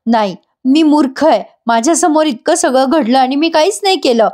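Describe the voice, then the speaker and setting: A distraught young husband, read by a woman in a higher pitch than a man would use. He speaks in a reproachful, accusing way. It's a plain read-through rather than full acting. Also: expressive, moderate pace, darkish tone. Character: distraught young man confronting his wife.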